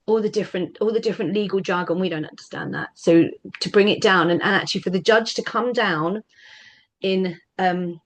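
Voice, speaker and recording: A woman's voice: medium pitch, a little fast. This is a woman from the UK giving personal testimony at a panel. She speaks earnestly as a parent, stressing simple points by repeating them. Her voice sits in an ordinary middle register. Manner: earnest, emphatic, repeats phrases. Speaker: parent speaking about lived experience.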